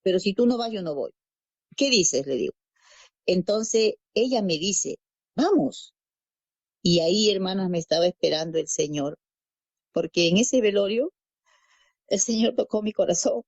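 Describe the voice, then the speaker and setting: A woman's voice: medium pitch, animated, normal speed, no echo, highs cut off. A woman from Peru telling her conversion testimony as a guest, storytelling and acting out quoted dialogue, repeating phrases. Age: adult parent. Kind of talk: personal faith testimony.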